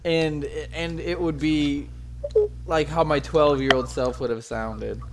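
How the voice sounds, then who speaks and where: A man's voice: on the high side, slow. Profane rambling male game streamer. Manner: profane, rambling, self-mocking. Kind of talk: casual gaming stream chat. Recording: steady background noise.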